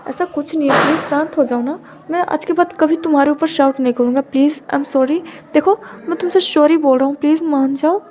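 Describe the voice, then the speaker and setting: A woman's voice: high voice, a little fast, hardly any pauses, noisy background, lightly acted. A woman voicing a protective young man who coaxes and soothes his partner. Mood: pleading. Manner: coaxing, soothing.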